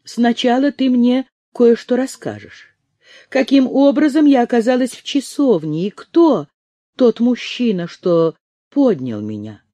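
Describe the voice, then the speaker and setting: A woman's voice: a little high, expressive, mellow, dry recording, voice pushed up. Woman voicing a bewildered, guarded young lady. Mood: probing. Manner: measured, careful questioning.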